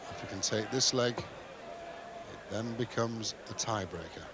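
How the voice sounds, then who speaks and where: A man's voice: on the low side, measured pace. A man giving live television darts commentary in terse phrases. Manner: terse phrases, reading out checkout combinations. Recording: noisy TV broadcast over loud crowd. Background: very loud crowd noise.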